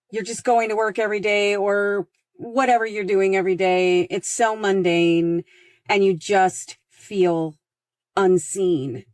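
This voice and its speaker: A woman earnestly confiding, slowly, in a reflective vlog. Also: mid-range voice, darkish tone, no echo.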